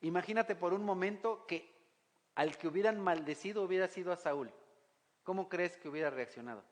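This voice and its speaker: A man's voice: sits high, a little fast. A man delivers a sermon in a slightly raised voice. He keeps putting rhetorical questions to the congregation and reads scripture aloud between his points. A long reverb trails his voice through the church hall. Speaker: pastor.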